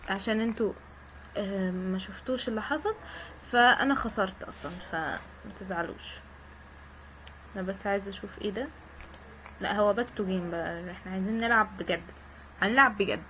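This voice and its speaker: A woman's voice: mid-range voice, quick pace, long pauses, background noise. A woman with an Egyptian Arabic accent giving casual, joking let's-play commentary and chatting with her viewers. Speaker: gaming channel host.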